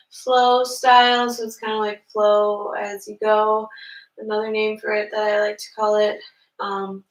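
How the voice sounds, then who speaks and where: A woman's voice: on the high side, fairly bright tone. Young woman, yoga teacher, stuffy nose, casual with fillers, echoey room, far from the mic. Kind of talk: live-streamed yoga class instruction. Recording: roomy, distant from the mic.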